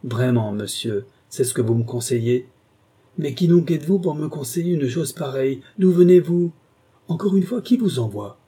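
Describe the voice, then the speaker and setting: A man's voice: mid-range voice, little pitch movement, normal speed, hardly any pauses, slightly rough, lightly acted. A man voicing a tormented old gambler who believes he sold his soul, speaking with impassioned, feverish intensity in an audiobook reading. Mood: indignant. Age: older. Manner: impassioned, swings from grave confession to raging shouts.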